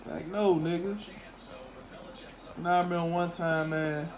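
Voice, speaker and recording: Here the Memphis talk host sounds a little high but steady, moving at a somewhat slow pace. He rants casually in a Southern accent, airing his opinions through blunt slang and plenty of profanity.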